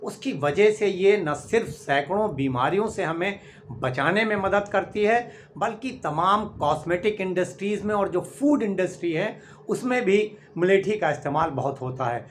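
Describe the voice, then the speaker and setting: A man's voice: high voice, slight background noise. A man presenting a health channel as a doctor, patiently and methodically explaining an herbal remedy point by point.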